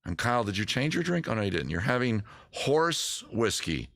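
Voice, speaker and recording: Between songs on his music livestream, this host chats loosely with viewers, cracking jokes and mocking his own vocals while his acoustic guitar plays. He has a mid-range, slightly bright voice with big pitch swings and a moderate pace, captured in a dry, studio-quality recording.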